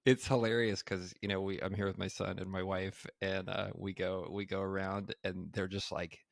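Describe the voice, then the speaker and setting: A man with a fairly low voice talks through business deals in a loose, conversational way. He fills gaps with "uh" and "um" as he goes. The sound is dry and close, with little room around it. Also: moderate pace, vocal fry, no room sound. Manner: relaxed, rambling with many fillers. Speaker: podcast co-host. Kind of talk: casual podcast chat.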